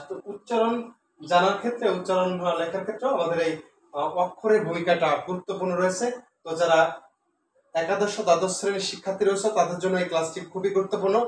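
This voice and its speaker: A man giving a pronunciation lesson, explaining step by step and repeating words slowly with many fillers. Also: high-pitched. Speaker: Bengali teacher. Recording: echoey room, voice from a distance, faint noise.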